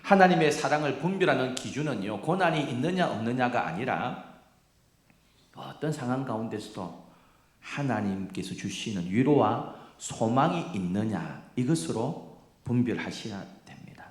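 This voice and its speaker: A man preaching a sermon as pastor, animated and addressing the congregation directly. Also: mid-range voice, normal speed. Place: church sanctuary. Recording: echoey church hall.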